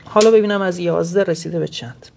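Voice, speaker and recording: A woman's voice: on the low side, gravelly, noisy background. A woman giving a hands-on technical tutorial, explaining each step plainly and thinking aloud as she works. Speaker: technician demonstrating sensor tests.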